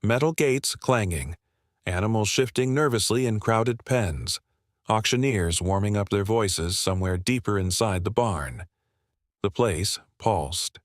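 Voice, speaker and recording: A man reading a heartfelt animal story aloud in a measured, steady storytelling manner. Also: fairly low pitch, no echo, studio quality. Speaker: narrator. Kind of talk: scripted story narration.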